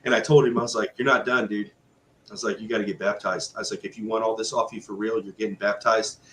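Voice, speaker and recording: Animated man telling a story in a roomy space. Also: lowish voice, quick pace. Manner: animated, conversational, full of fillers and quoted speech. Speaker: guest telling a testimony. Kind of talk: casual storytelling. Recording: roomy echo with faint background noise.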